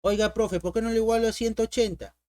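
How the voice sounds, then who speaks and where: A man's voice: high-pitched, fairly even intonation, quick pace, dark tone, no room sound, clean studio sound, lightly acted. A man voicing a timid teenage math student who asks unsure questions.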